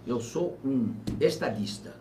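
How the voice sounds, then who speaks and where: A man in his seventies, a former governor, talks through politics in an interview, reflective and measured with emphatic bursts. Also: medium pitch, big pitch swings. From Brazil. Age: 70s. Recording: distant mic with faint ambient noise.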